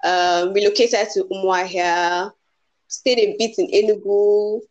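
A young woman with a Nigerian accent, a designer chatting as a guest, playful and quick to laugh. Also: mid-range voice, steady tone, darkish tone, muffled recording. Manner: playful, laughs easily, dry humor. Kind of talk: casual chat.

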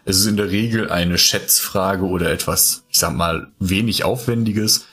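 Low husky man, rambling storyteller. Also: moderate pace, fairly bright tone. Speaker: podcast co-host. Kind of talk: casual chat.

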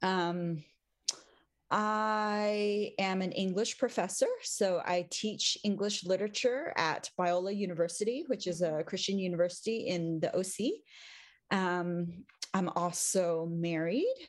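A woman in her forties, an English professor from Taiwan who was raised in the US, joins a podcast as a guest. Her fairly low voice carries a casual, thoughtful conversation with many pauses and frequent laughs.

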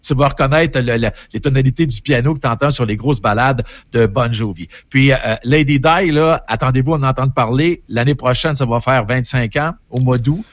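A man's voice: medium pitch, normal speed, hardly any pauses, no room sound, muffled recording. Chatty Québécois man on morning radio. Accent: Québécois French. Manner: chatty, opinionated, rambling. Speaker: radio entertainment columnist. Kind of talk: casual radio chat.

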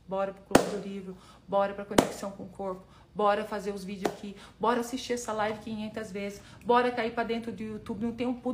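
A woman with a Brazilian Portuguese accent giving a motivational live stream as a personal development coach, emphatic and repetitive, calling her listeners "my love". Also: a little high.

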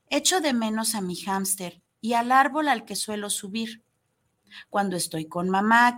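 A woman reading a storybook aloud as a little girl, in a soft, gentle storytelling voice. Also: fairly high pitch. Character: little girl Nina, sad but gentle child.

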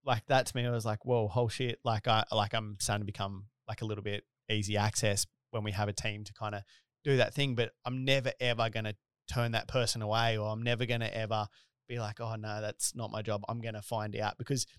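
A man's voice: lowish voice, level tone, quick pace, a bit bright, smooth, no room sound, studio quality. A man in his thirties with a broad Australian accent, hosting a casual interview in a rambling, colloquial, blokey way. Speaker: podcast host and business owner.

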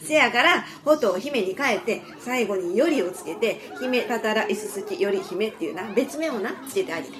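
A frank, excitable young woman from an ancient myth spills her story like neighborhood gossip, in a broad Osaka accent, as a woman reads it out. Her voice sits high and bright with chatty asides throughout. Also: normal speed, few pauses, crowd noise, natural voice. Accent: Osaka Kansai. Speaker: reader. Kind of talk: dramatic first-person reading.

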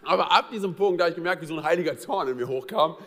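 Fast-talking preacher man in a reverberant hall. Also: on the high side, fairly bright tone. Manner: conversational, talks straight to the congregation; humorous storytelling with frequent fillers. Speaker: pastor. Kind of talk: sermon. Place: church service. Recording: long reverb of a large hall.

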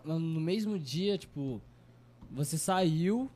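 A woman's voice: low voice, animated, takes it slowly, mellow. A woman with a Brazilian accent, an interviewer chatting casually and reacting with slangy interjections.

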